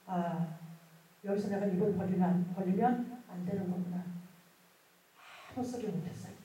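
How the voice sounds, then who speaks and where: Brief: woman preacher, emotional sermon, loud one moment and hushed the next; distant mic in a very echoey hall. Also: on the low side, moderate pace. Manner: emotional, swinging from loud to near whisper. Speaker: pastor. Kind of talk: sermon with a personal story. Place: large prayer hall.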